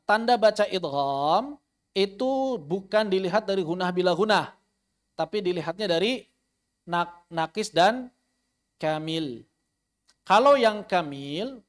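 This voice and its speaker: Man, high voice, tajweed teacher who repeats terms and demonstrates recitation. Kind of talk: online tajweed lesson.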